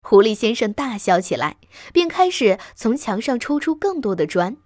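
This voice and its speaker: A woman reading a bedtime story aloud with expressive, lively narration. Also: fairly high pitch, normal speed, dry recording, studio quality.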